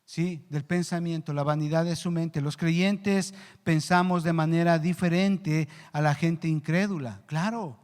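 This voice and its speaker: A male pastor preaching a sermon earnestly, rising in pitch and volume for emphasis and slowing down on key words. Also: steady tone, darkish tone. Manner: slows down to stress key words. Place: church hall. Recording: long church reverb.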